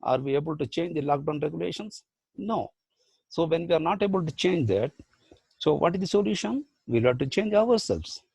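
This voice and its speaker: A man with an Indian English accent, whose first language is Badugu, gives a motivational online lecture as a professor. His voice is gravelly and a little husky, recorded close and dry. He builds his points through rhetorical questions and repeated phrases. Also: on the high side, animated, normal speed, darkish tone, dry recording. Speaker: professor and life skills trainer.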